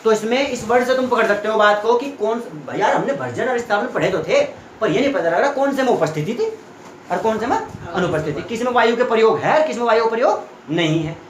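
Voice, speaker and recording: A man's voice: high-pitched, expressive, brisk, a little hiss or hum. A young man tutoring students in a classroom, explaining chemistry step by step and often checking that they follow. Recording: echoey room.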